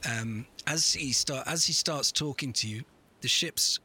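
A man's voice: medium pitch, a little slow, sharp tone, slight background noise. A man acting as game master, improvising darkly comic narration for a tabletop role-playing game.

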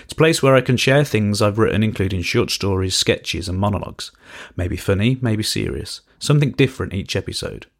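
A Birmingham man in his thirties hosts a podcast, reading his own scripted story in the first person with dry, wry understatement. His voice sits on the low side, animated and a little quick.

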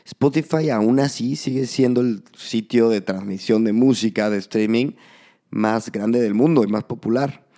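A man with a hoarse, gravelly voice from a mild cold hosts a casual tech and business news podcast, talking conversationally to his listeners. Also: medium pitch, a little slow, dark tone. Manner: conversational, addresses listeners with tag questions. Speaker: podcast host.

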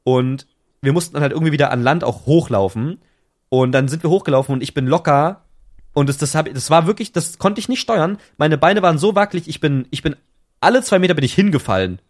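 Young male podcast co-host, slang-heavy storyteller, slightly high voice, lots of self-corrections. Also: lively intonation, quick pace. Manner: slangy, restless retelling with many restarts. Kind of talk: casual chat, storytelling.

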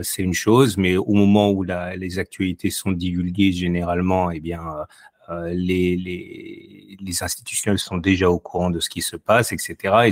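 A deep-voiced man speaks over a low-quality long-distance call. He talks as an interview guest and explains things hesitantly, often going back over his words. The sound is dry, without room echo. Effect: low-quality long-distance call audio. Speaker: podcast guest, technical analyst. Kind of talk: conversational podcast interview.

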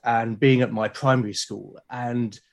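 This podcast guest is an illustrator from the United Kingdom, in his forties. His mid-range voice is creaky, with fairly even intonation and a slightly slow pace, as he chats casually in an interview, reflective and enthusiastic.

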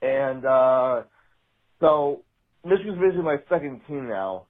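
A man's voice: mid-range voice, expressive, measured pace. Profane male caller on a played voicemail. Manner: profane, exasperated, rambling. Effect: played voicemail message. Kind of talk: casual rant. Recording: tinny phone voicemail.

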